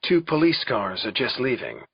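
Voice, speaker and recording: A man's voice: medium pitch, big pitch swings, moderate pace, vocal fry, husky, no echo. A man narrating a first-person suspense audiobook in a wry, conversational way. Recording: dull lo-fi recording.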